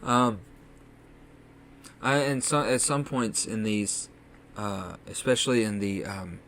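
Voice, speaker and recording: A man's voice: on the low side, slow pace, fairly bright tone, a little hiss or hum. A man co-hosting a casual podcast, chatting enthusiastically and acting out quotes. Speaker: podcast co-host. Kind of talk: casual chat.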